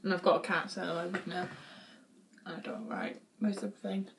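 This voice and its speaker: A woman's voice: on the low side, steady tone, normal speed, vocal fry, slight background noise. A young woman vlogging a food challenge, dramatic and giggly. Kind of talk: casual chat.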